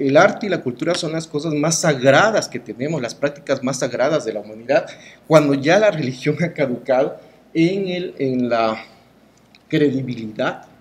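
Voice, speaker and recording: Emphatic middle-aged Mexican man. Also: mid-range voice. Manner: emphatic, rhetorical, ends phrases with tag questions. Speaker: cultural promoter and artist being interviewed. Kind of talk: opinionated interview talk.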